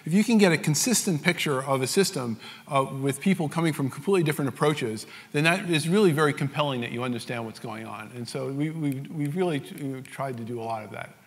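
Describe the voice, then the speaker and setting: A man's voice: a little high, fast talker. A man with a New York accent giving a technical science lecture, explaining step by step with many fillers and restarts. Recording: reverberant lecture hall.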